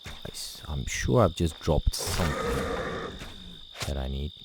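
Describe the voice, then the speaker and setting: Speaking slowly in a rumbling low voice with vocal fry and lively intonation, this gaming channel host chats through a let's play, rambling and self-deprecating with plenty of fillers. He is a Pakistani man, Urdu his first language, living in England. Heavy background noise and loud game music come through his poor home mic.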